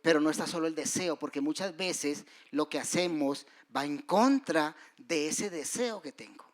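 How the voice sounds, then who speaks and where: A man preaching a sermon, moving between loud rises and soft, hushed drops. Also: on the high side, moderate pace. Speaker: pastor.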